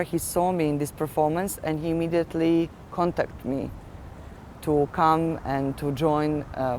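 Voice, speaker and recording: A woman's voice: low-pitched, a little mellow, a little hiss or hum. A woman in her thirties from Serbia, speaking as a ballet dancer, telling her story in an earnest interview monologue and searching for words with fillers.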